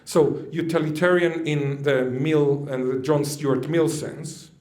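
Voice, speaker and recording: A man's voice: fairly high pitch, fairly even intonation, slow pace, darkish tone, roomy sound. A man raised in Israel giving a conference lecture, chatty and joking with the audience. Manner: chatty, with jokes and asides to the audience. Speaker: conference speaker. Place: lecture hall.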